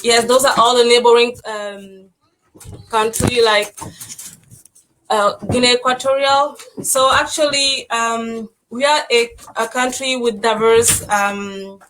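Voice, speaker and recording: A woman's voice: fairly high pitch, fairly even intonation, takes it slowly, a bit bright, poor audio. A woman from Cameroon, a guest in a casual interview, speaking hesitantly with restarts and fillers.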